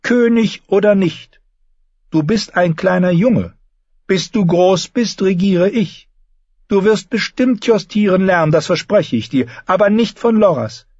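A man's voice: high voice, expressive, measured pace, darkish tone, no echo, highs cut off, voice pushed up, full character voice. A man reading an audiobook, voicing a cold, commanding queen who talks down to her son. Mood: imperious. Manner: commanding, cutting, condescending. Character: imperious queen mother, cold and sharp.

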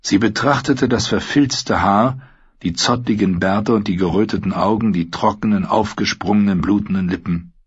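A man narrating an audiobook in a steady, measured reading. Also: on the low side, slightly rough, dry recording. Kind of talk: scripted narration. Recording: dull lo-fi sound.

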